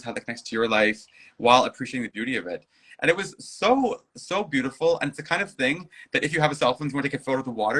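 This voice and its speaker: A man's voice: mid-range voice, pushed and bright. A man who is a guest and play designer in a casual conversation, talking in a reflective and playful way. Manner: reflective, playful, breaks into silly acted-out voices.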